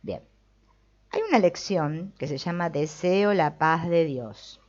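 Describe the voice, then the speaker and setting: A middle-aged woman with a Rioplatense Spanish accent giving an informal spiritual talk, animated and colloquial, acting out quoted voices for humor. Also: sits low, slow. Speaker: spiritual teacher. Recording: dull lo-fi recording.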